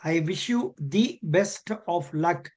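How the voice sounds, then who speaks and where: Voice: mid-range voice, expressive, takes it slowly, darkish tone. An older interview coach with an Indian accent, giving mock interview feedback in an encouraging way and often repeating phrases.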